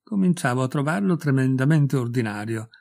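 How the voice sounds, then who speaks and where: A man narrating a short story as an audiobook reader, in a measured, clear storytelling delivery. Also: mid-range voice, lively intonation, darkish tone.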